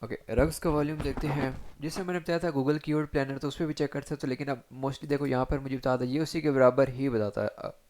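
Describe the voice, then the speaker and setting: A man teaching SEO in a chatty screen-share tutorial, talking straight to viewers and filling pauses with short check-ins. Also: mid-range voice, steady tone, darkish tone. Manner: chatty, addresses viewers directly with frequent fillers. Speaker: SEO instructor.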